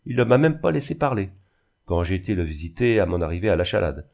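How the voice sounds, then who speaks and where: A man voicing a tender-hearted young woman in a reading of a classic novel, speaking gently and with feeling. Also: low-pitched, big pitch swings, fast talker, gravelly, heavily acted. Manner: pleading, emotional.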